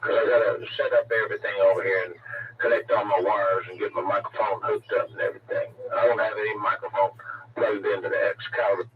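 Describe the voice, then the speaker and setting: A man's voice: lowish voice, steady tone. Man over a mistuned CB radio. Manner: rambling, halting with many fillers. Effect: mistuned sideband CB radio transmission. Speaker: CB radio operator. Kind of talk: casual radio chat. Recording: tinny, distant, noisy radio signal.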